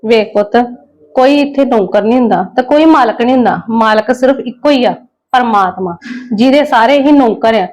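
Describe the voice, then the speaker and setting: A woman plays a kindly middle-aged lady of the house in a family drama skit. She soothes and gently lectures in a slightly high, even voice. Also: moderate pace, close to an everyday voice. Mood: soothing. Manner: soothing, gently scolding, preachy.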